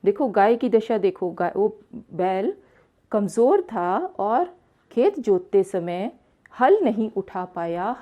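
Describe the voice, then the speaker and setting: A woman teacher works through a lesson line by line in an unhurried, measured delivery. Her pitch rises and falls a great deal as she repeats and explains each phrase. The recording is dull and lo-fi. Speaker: Sanskrit teacher.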